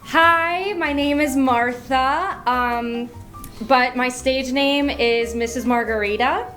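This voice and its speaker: A woman plays an aspiring actress and performance artist at an improvised comedy audition. Her voice is on the high side, chatty and agreeable, with some hesitancy as she eagerly explains herself. Faint music plays behind her. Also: slow pace, fairly bright tone.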